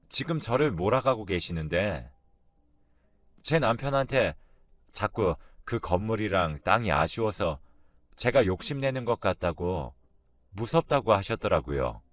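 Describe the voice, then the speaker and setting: A man reading out a first-person story, retelling it in an expressive, emotional way. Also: deep voice, dry recording. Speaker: story narrator.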